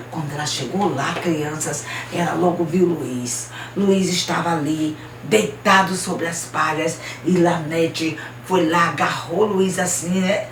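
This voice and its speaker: Woman storyteller for children, expressive, roomy distant recording. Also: lowish voice, slight background noise. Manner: expressive, asides to listeners. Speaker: missionary storyteller. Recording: roomy, distant mic, faint ambience.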